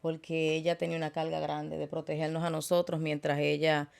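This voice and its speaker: Recounting her life with sincerity as an interview guest, this woman speaks in a low register with a gravelly edge and darkish tone. Her delivery is flat, broken by frequent pauses, restarts, fillers and brief English asides, as she gives her personal testimony.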